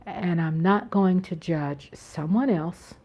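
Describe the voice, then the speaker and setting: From her home in the United States, a channel host runs a laid-back live stream, rambling earnestly and often starting over. Her lowish voice has a dark tone and she takes things slowly. The sound is lo-fi.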